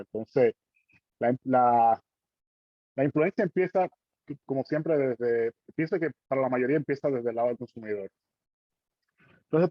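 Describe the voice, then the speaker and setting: A man's voice: medium pitch, no echo, lo-fi sound. A man in his forties with a Dominican accent, speaking as a guest in an online panel talk, hesitant with many fillers and tag questions. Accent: Dominican Spanish. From Dominican Republic.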